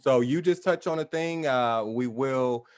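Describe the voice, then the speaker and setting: A man's voice: medium pitch, unhurried, darkish tone, smooth, dry recording, studio quality. A man hosting a live talk show, introducing guests in a loose, upbeat way with casual slang. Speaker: host.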